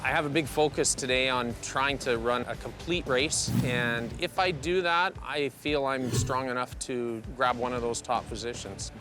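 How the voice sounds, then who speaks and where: A man from Alberta, a competitor, speaking calmly and measuredly in an outdoor interview. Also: mid-range voice, moderate pace, few pauses, over music. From Alberta, Canada. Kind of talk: interview sound bite.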